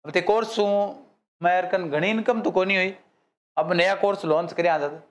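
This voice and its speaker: A male teacher runs a live online quiz class, cheering students on by name and slipping into joking dialect. His voice sits high for a man. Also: moderate pace. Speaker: exam-prep teacher.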